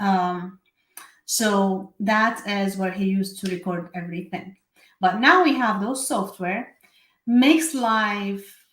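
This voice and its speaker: Chatty woman from Syria, echoey room. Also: mid-range voice. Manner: chatty, with many fillers and self-corrections. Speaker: bookkeeping and tax host. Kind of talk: casual live explainer.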